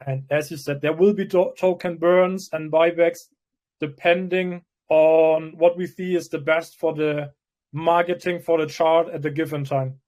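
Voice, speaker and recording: German man explaining at a measured pace. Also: fairly high pitch, little pitch movement, a little mellow. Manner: measured, restarts often, plain explanatory tone. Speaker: crypto project founder. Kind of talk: AMA interview answers.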